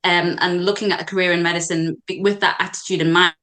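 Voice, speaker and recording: A woman's voice: on the low side, level tone, fast, pushed and bright. A young woman from Zambia, a doctor guesting on a podcast, talking in an earnest, encouraging and reflective way with frequent "um"s and "like"s. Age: young adult. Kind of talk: casual podcast conversation.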